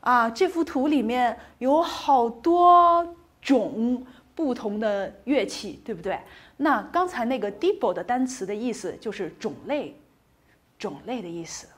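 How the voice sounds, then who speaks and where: A woman's voice: on the high side, expressive, moderate pace, breathy edge. A woman teaching a recorded pronunciation lesson, patient and encouraging, saying each sound twice and asking the class questions before answering them herself.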